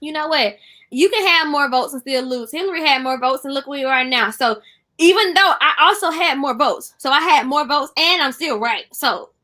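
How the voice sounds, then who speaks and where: A woman's voice: high voice, moderate pace, sharp tone. A woman co-hosting a casual chat over a video call, teasing and emphatic. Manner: teasing, emphatic, often exclaims "child". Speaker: co-host.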